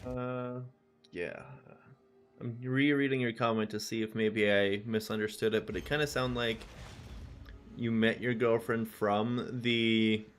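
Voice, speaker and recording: While playing a video game on stream, a native English-speaking man with a medium-pitched voice chats casually to viewers at a measured pace and level tone. He wanders easily from talk to game callouts and back.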